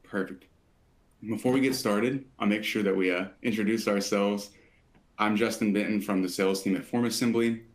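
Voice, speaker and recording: A man with a somewhat low voice hosts a live webinar. He talks in long, steady, well-practiced stretches. He sounds like a salesperson who knows his material. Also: moderate pace. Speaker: webinar host from sales team.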